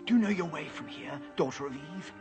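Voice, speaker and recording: An actor playing a timid, guilt-ridden but kindly faun in an animated fantasy, anxious and often hushed. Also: medium pitch, brisk, over music, natural voice. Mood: tender farewell. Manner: hushed, anxious, expressive, trailing into whispers. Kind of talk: animated fantasy film acting.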